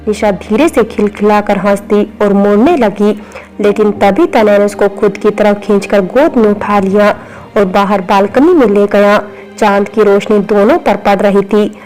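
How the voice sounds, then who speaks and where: A woman's voice: medium pitch, steady tone, measured pace, a little mellow, poor audio. Woman narrating a romance in a level voice. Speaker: storyteller. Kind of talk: scripted narration of a romance story.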